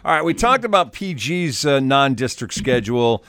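A man's voice: medium pitch, sing-song, normal speed, a bit bright, dry recording. A man hosting live sports talk radio, chatting informally.

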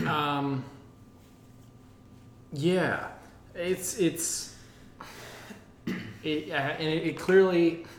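A man co-hosting a casual film discussion podcast, rambling with frequent laughs and halting restarts. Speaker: podcast co-host. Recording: echoey room, faint rumble.

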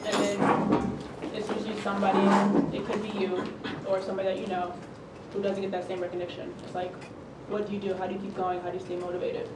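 A woman's voice: medium pitch, level tone, fast talker. A woman taking part in a casual group discussion, thinking aloud in a musing way. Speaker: meeting participant. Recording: echoey room, mic far off, loud noise.

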